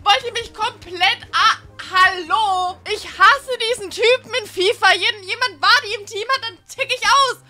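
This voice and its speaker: Woman, game streamer, ranting, exasperated, very high pitch. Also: moderate pace, few pauses. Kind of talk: casual live stream rant.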